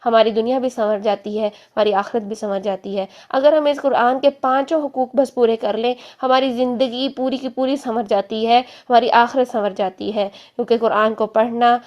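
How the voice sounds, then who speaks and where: A woman teaching an online religious lesson, explaining step by step and repeating examples slowly. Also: a little high, fairly even intonation, darkish tone, lo-fi sound. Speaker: Quran recitation teacher.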